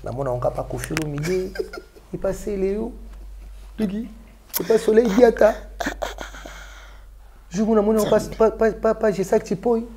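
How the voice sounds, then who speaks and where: A man in casual, animated chat, mixing French and Lingala. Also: high-pitched, a little slow, long pauses, slight background noise.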